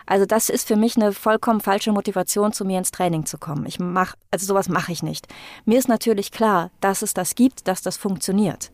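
A woman's voice: medium pitch, fairly quick, no room sound. A woman voice coach explaining her work in a podcast interview, thoughtful and explanatory, with frequent fillers.

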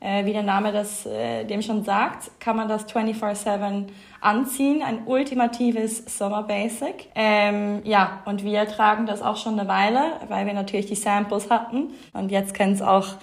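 A woman's voice: medium pitch, fairly even intonation, moderate pace. A woman in her thirties from Switzerland with a Swiss accent, a company co-founder chatting as a podcast guest with many fillers and frequent laughs. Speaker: fashion label co-founder, guest. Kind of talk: casual podcast interview.

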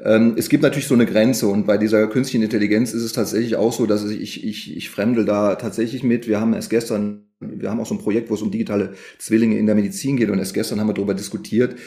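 A man from the Rhineland, speaking as an interview guest in a relaxed, chatty way with many filler sounds. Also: fairly low pitch, fast, few pauses. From Rhineland, Germany. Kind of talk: conversational interview answer.

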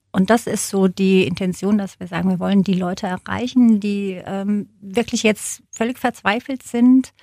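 A woman's voice: medium pitch, warm tone, no echo. A woman being interviewed in a studio, explaining things earnestly with plain everyday examples. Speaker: interview guest, hospice service coordinator. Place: radio studio.

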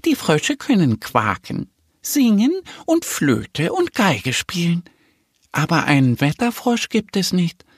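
A man voicing an eager, helpful little female duck in a children's audio story, with a high excited squeaky delivery. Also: slow, husky, no echo, clean studio sound, heavily acted. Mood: puzzled.

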